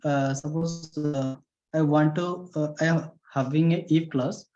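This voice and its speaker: A man's voice: on the high side, fairly even intonation, unhurried, a little mellow, faint music behind. A man student asking hesitant questions on a video call, with many fillers and polite address. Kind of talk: asking questions in online class. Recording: muffled breaking video call audio.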